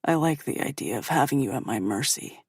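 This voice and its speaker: A woman voicing a dominant, teasing young man in an audiobook, speaking low and hushed. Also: lively intonation, fairly quick, breathy edge, no echo, clean studio sound, heavily acted. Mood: commanding hush.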